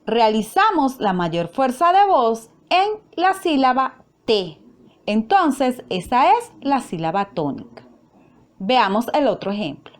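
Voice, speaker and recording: In a recorded lesson, a very animated woman teacher speaks at an unhurried, deliberate pace, slowly and carefully spelling out each syllable. Her slightly high voice rises and falls a great deal.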